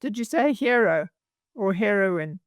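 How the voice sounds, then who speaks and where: An older South African woman speaks very slowly, with small restarts and pauses as she finds her words. Her voice is smooth and clear, and the sound is dry and close. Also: mid-range voice, animated, dry recording. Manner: slow and halting, with small restarts. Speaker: guest. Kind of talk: casual conversation.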